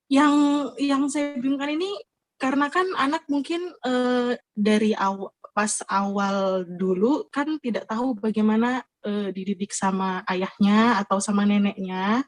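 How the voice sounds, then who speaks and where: A woman's voice: medium pitch, a little slow, no room sound. A young woman calling in with an anxious, hesitant question about her stepchild, full of fillers. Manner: hesitant, many fillers, small laughs. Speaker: caller asking for advice. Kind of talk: casual question to a speaker.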